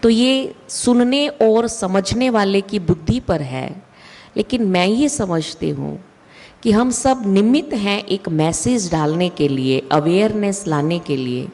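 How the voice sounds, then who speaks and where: A woman giving a slow, deliberate spiritual talk with emphatic rises in her voice. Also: medium pitch, lively intonation, darkish tone. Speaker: spiritual speaker. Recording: long hall reverb.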